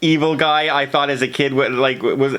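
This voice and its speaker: Casual man with a mid-pitched voice. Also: steady tone, moderate pace, a bit bright, slight background noise. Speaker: co-host of a movie review channel. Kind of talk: casual chat, loosely retelling a film.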